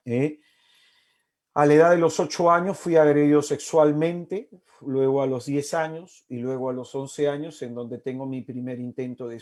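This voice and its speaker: A man in his forties from Peru, giving an impassioned preaching talk with slow, emphatic repetitions and sudden soft asides. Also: a little high. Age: 40s. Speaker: speaker at a faith-based family talk.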